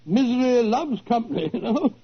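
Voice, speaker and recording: An actor playing a kindly, blustering middle-aged British doctor in 1940s radio style. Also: male voice, very high voice, animated, moderate pace, breathy edge, exaggerated voice. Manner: avuncular, blustering, hesitant. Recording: muffled old-time radio recording.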